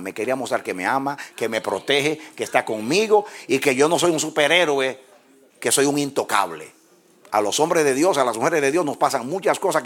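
Animated preacher man. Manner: animated storytelling, acts out dialogue with God and the devil; swings from low murmurs to high cries. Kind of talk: sermon.

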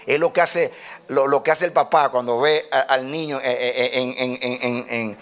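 A man preaching a sermon to a congregation, swinging from loud shouts down to hushed whispers. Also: medium pitch, fairly even intonation, normal speed. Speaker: pastor. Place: church.

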